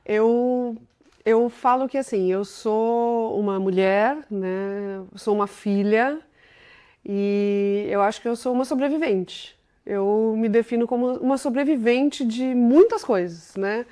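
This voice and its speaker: Woman, 40s, from Brazil, interview guest, CEO, higher voice, enthusiastic, rambling, tag-heavy. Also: slow, mellow, smooth. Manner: chatty, full of filler tags, enthusiastic storytelling. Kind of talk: casual interview talk.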